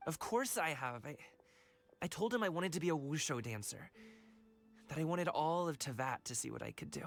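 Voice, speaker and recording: A man's voice: on the high side, lively intonation, moderate pace, a bit bright. A man voicing a friendly, carefree young wushu dancer in a video game. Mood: earnest, wistful. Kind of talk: video game character voice acting. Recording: game music behind the voice.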